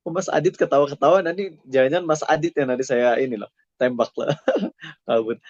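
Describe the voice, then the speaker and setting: Chatty man preaching with a somewhat high voice. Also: brisk, darkish tone, dry recording, dull audio. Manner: chatty, mixes in English phrases, addresses listeners as friends. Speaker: Islamic preacher (ustaz). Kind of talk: casual sermon to a student audience.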